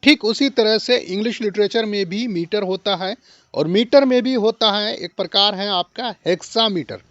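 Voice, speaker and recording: A man with a high-pitched voice explains a literature lesson, switching between Hindi and English. He drops to a slow, careful pace on English phrases and restates each point for learners. The sound is dry, dull and lo-fi. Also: a bit bright, no echo. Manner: mixes Hindi and English, slows sharply on English phrases; repeats and rephrases points for learners.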